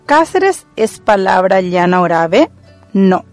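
A woman's voice: medium pitch, sing-song, slow, faint music behind. A woman teacher working methodically through exercises, thinking aloud as she goes. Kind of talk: recorded classroom lesson.

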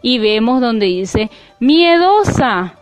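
A woman teaching a language lesson, explaining slowly and clearly, with faint music behind her. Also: a little high, animated. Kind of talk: classroom lesson.

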